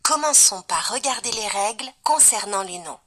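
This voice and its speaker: A woman giving a scripted spelling lesson to children in a calm, explaining way. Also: mid-range voice, normal speed. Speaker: teacher voice of a learning app.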